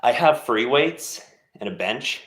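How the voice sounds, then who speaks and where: A man's voice: medium pitch, animated, a little slow, a bit bright. A man hosting a casual live stream as he works out at home. He rambles and jokes while cheering on his viewers. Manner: laid-back, rambling, jokey encouragement. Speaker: livestream host leading a workout. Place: home workout space. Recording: roomy echo.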